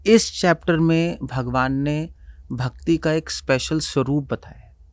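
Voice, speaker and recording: A man's voice: on the high side, a little slow, dry recording, clean studio sound. A man who is a spiritual teacher, explaining scripture in casual conversation, switching between Hindi and English and quoting Sanskrit verses. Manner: mixes Hindi and English, quotes Sanskrit verses, laughs often.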